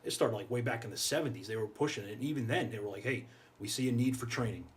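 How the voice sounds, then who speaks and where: The guest is a fire chief, a middle-aged American man with a mid-range voice who talks fast, casually and earnestly, often repeating phrases for emphasis. The interview takes place indoors in a podcast studio, with clear background noise and room ambience.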